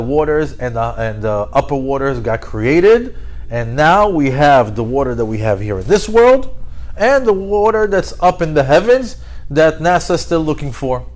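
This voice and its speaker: A man whose voice sits on the high side, a little mellow, leads an animated Torah lesson as a religious teacher. Storytelling drives his delivery, with acted-out dialogue, rhetorical questions, and repeated phrases for emphasis.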